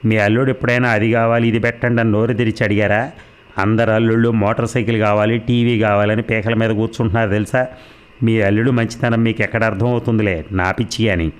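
A man's voice: lowish voice, flat delivery, fast talker, clear, resonant tone, lightly acted. A man reading the part of a resentful young married daughter in a storybook, sarcastic and complaining. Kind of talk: audiobook character reading.

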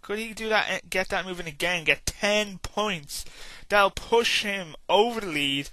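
Tired male wrestling commentator, bright and slow, casual and rambling, dry close sound. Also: high-pitched, no room sound. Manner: casual, rambling, hums and sings to himself between calls. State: tired, yawning. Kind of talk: video game wrestling commentary.

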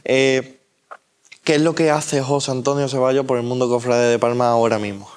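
A young man conducts an interview with a very clear, smooth voice. His pitch stays quite flat, and he builds long questions with hesitant, wordy phrasing. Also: normal speed. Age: young adult. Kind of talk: on-camera interview. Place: inside an ornate church.

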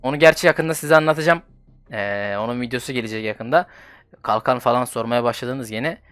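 A man's voice: mid-range voice, fairly quick, fairly bright tone, clear, resonant tone, no room sound. Male gaming YouTuber, casual slangy commentary over his own mobile gameplay, swears and flares up when frustrated.

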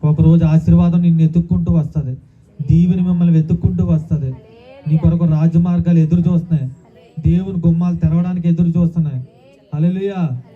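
A man's voice: fairly high pitch, fairly even intonation, fast, soft background music. A man preaching a sermon as pastor, calling out hallelujah often and asking the congregation questions. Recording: tinny phone-like sound.

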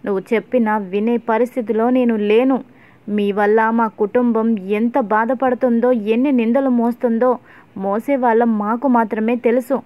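A woman's voice: on the high side, steady tone, moderate pace, dry recording, natural voice. Woman reading as a stern protective older sister. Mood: firm. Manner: firm, confronting. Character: stern young woman defending her younger sister. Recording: tinny phone-like audio.

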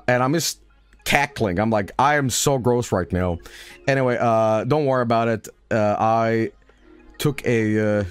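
A young man streaming a game, rambling profanely and breaking into sudden loud outbursts. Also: medium pitch. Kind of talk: casual live-stream commentary.

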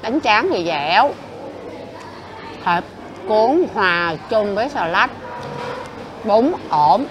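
A woman's voice: medium pitch, expressive, slow, pauses often, dull audio, background noise. A woman reviewing food in a casual vlog, chewing while she talks as she tastes each bite. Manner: chatty, tasting and describing food. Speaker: mukbang vlogger.

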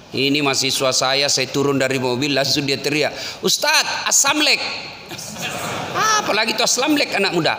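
A man's voice: mid-range voice, bright, forceful tone. A male preacher giving a humorous sermon, telling stories with acted dialogue and teasing asides to the congregation. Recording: echoey hall, faint ambient noise.

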